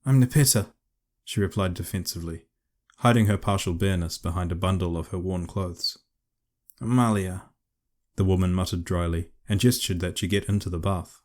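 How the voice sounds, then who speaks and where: Deep-voiced male audiobook narrator. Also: flat delivery, a little fast. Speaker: author and narrator.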